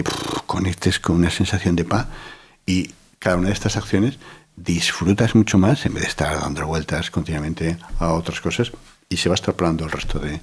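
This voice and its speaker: Deep husky-voiced man. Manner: reflective, many "¿no?" tags and restarts. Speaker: psychiatrist guest. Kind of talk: calm explanatory interview talk.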